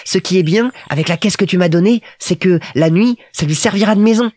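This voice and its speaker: A small boy prince from a storybook, curious, earnest and gently stubborn, as a male narrator puts him on. The voice sits far higher than the reader's own, with a slightly distant, different timbre. He asks his questions insistently and with wide-eyed wonder. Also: brisk, natural voice.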